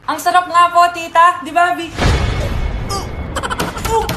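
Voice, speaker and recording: A woman's voice: extremely high pitch, flat delivery, measured pace. A woman acting out short comic skits, voicing every role herself with shrieky, exaggerated delivery. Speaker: comedy skit creator. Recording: roomy echo with background music.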